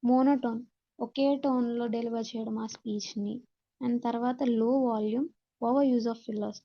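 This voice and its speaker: At a measured pace and in a level, higher-pitched voice, a Telugu-accented woman teaches in an instructional classroom-lecture manner, reading out points and explaining them with English terms mixed in. The audio has no echo but is dull and muffled.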